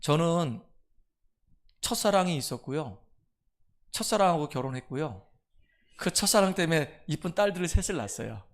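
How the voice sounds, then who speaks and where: A man in middle age delivers a Sunday sermon with a fairly high voice. His preaching is animated: he rises to loud, pleading peaks and then drops to soft, confiding lines. He plays out the dialogue of the people he talks about. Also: normal speed, pauses often. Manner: animated preaching, swinging from loud pleading to hushed intimate tones; acts out quoted voices in dialogue. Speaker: pastor. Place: church sanctuary.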